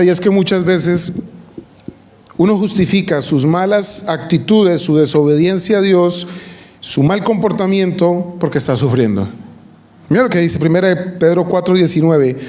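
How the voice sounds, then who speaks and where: High-voiced man preaching a sermon. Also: a little mellow. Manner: asks the audience rhetorical questions; joking asides to the congregation.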